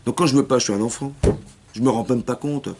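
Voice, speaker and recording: Teaching a Torah class for women, a rabbi speaks quickly and repeats himself, frequently checking that his listeners follow. He acts out little dialogues as part of his explanations, in a medium-pitched voice with background noise behind him.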